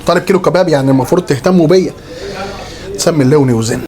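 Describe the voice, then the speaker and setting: A young man with an Egyptian accent reviewing food in a casual vlog, animated and joking, often exclaiming in surprise as he tastes. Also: on the high side, racing. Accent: Egyptian Arabic.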